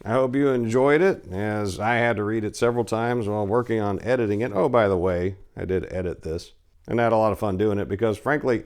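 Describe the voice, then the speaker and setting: A theatrical, hammy man with a lowish voice works as narrator and story editor, moving between dramatic story narration and informal talk to listeners.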